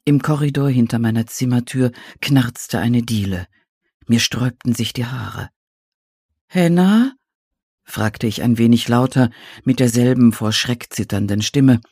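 A man narrating a novel in the first person, in a measured, suspenseful reading. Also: mid-range voice, steady tone, darkish tone, breathy edge, dry recording, studio quality. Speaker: audiobook narrator.

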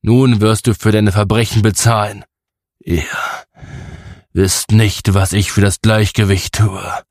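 A man reading a fantasy story voices a defeated dark ruler, speaking slowly and heavily, his voice muffled as if from inside a helmet. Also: fairly low pitch, flat delivery, no room sound. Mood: fatalistic. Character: defeated male dark ruler, grim and unrepentant. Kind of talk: audiobook fantasy narration.

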